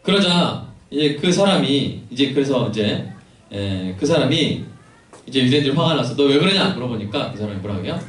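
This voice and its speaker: A male pastor preaches in a church sanctuary with a lively voice that rises and falls widely. He keeps asking the congregation questions and drops in joking asides. His voice comes from a distance and echoes through the room. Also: medium pitch, moderate pace. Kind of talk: sermon. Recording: echoey church hall from far off.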